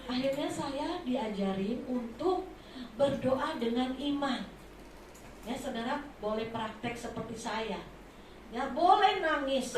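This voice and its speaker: A woman preaching a sermon from Indonesia, impassioned, swinging between soft asides and loud exclamations, in a large church hall. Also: high-pitched, a little hiss or hum. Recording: echoey hall from far off.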